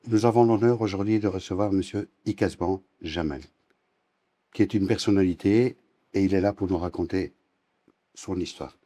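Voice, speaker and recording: A man's voice: low voice, moderate pace, dark tone. A man hosting a podcast interview, formally welcoming his guest and asking questions. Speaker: podcast host.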